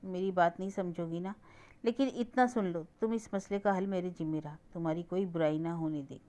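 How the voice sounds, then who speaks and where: A woman voicing a remorseful young man who pleads earnestly in a measured tone, in her own lowish voice. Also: warm tone, lightly acted. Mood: earnest pleading.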